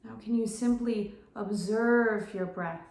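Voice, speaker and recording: Slow-paced woman guiding breath-counting meditation. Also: medium pitch. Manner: measured, gently instructing with pauses between short phrases. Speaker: meditation guide. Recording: roomy, echoing sound.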